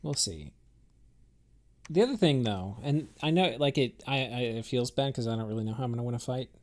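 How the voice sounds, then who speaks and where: A man's voice: medium pitch, expressive, a little fast. Man thinking aloud over a strategy game. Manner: rambling, thinks aloud with many fillers and restarts. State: has the hiccups. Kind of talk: casual gameplay commentary.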